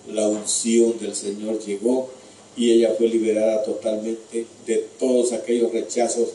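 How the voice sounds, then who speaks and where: A man's voice: lowish voice, dark tone, distant mic, a little hiss or hum. Man preaching in an echoey room. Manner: storytelling, addressing listeners as brothers. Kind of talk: sermon.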